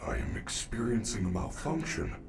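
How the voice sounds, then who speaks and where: A man voicing a large, gentle, caring robot bear in a video game, who speaks in a calm, polite, formal way. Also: medium pitch, normal speed, soft background music, close to an everyday voice. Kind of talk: video game character dialogue.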